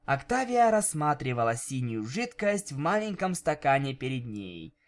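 A man narrating a fan-fiction audiobook with expressive storytelling. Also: medium pitch, moderate pace. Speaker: audiobook reader.

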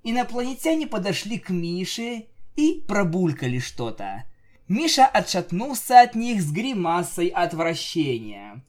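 A man narrating a comic fan fiction story with lively, jokey asides. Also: sits high, a little slow. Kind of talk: comic audiobook reading.

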